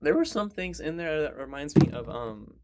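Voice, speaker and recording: A man's voice: on the high side, expressive, normal speed, a crowd in the background. A man co-hosting a podcast, chatting easily about music, swearing casually and calling his friend "dude.". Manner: easygoing, swears casually, says "dude" often. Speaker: podcast co-host. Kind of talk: casual music review chat.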